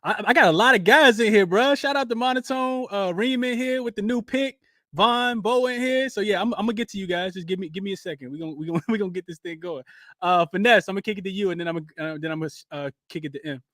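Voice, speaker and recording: A man's voice: sits high, quick pace, a bit bright, no room sound, clean studio sound. A man hosting a casual betting chat, using loose slang and handing the floor to guests. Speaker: host. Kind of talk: casual hosting of a live audio room.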